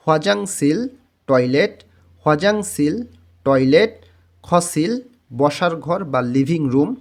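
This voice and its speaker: Guy teaching words, says each one twice slow, kinda high voice. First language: Bengali. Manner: repeats each word twice, slow and drawn out. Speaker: Korean language teacher. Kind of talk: textbook vocabulary lesson.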